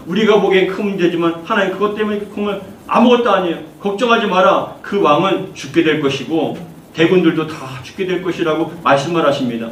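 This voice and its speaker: In a church sanctuary, a male pastor preaches a fervent sermon, repeating key phrases and leading the congregation through scripture readings. His voice sits on the high side with a fairly bright tone. The echoey hall, distant mic, and faint noise color the recording.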